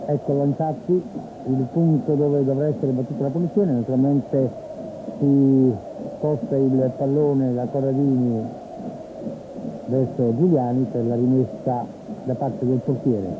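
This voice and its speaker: A man from Italy giving live football play-by-play commentary on television, in a measured, descriptive way with pauses. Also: mid-range voice, little pitch movement. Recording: tinny phone-like old TV broadcast, noisy stadium. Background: stadium ambience.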